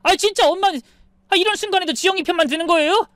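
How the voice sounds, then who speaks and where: A woman voicing a hot-tempered adult son who whines and yells in shrill, petulant outbursts. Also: animated, fairly quick, no echo, studio quality. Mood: pleading.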